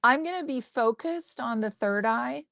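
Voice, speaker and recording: Gravelly-voiced woman playing a tabletop game. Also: a little high, lively intonation, unhurried, a bit bright, dry recording, studio quality. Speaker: player. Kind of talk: casual game play.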